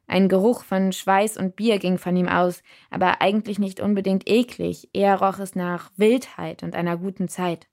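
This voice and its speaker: A woman narrating a first-person story in a calm, reflective way. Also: mid-range voice, normal speed, gravelly, few pauses.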